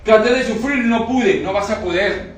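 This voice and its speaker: A male preacher with a high voice delivers a sermon at a moderate pace, speaking emotionally, repeating phrases and asking the congregation questions. He's recorded from far off in an echoey room with faint noise.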